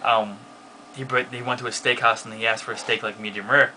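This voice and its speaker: A young man co-hosts a casual vlog, jumping in with quick jokes. He talks rapidly in a bright, forward voice, pitched in the middle for a man. A faint hum of background noise sits under him. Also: level tone. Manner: fast, chiming in and joking. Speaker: vlogger. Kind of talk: casual chat.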